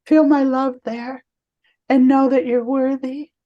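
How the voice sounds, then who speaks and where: Speaking at a high pitch with a level tone, a woman energy healer calmly reassures and guides a client through a healing session, often stopping and restarting. The audio is lo-fi.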